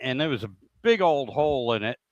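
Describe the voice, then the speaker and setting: A man's voice: mid-range voice, expressive, a little fast, no echo, dull audio. A man from the United States hosting a casual livestream, rambling with many fillers and restarts about a repair job. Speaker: livestream host. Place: home shed workshop.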